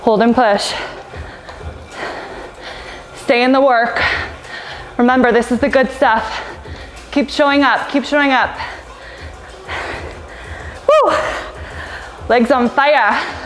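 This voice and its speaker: A woman's voice: a little high, steady tone, slow pace, long pauses, poor audio. A woman spin instructor cycling hard as she coaches, urging the class on with short, punchy motivational cues. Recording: loud music behind the voice. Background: workout music.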